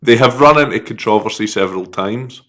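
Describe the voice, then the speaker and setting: Deep-voiced Scouse man, jokey. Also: fairly quick, a bit bright. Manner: jokey, reads facts out between laughs. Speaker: podcast co-host. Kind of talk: casual podcast chat.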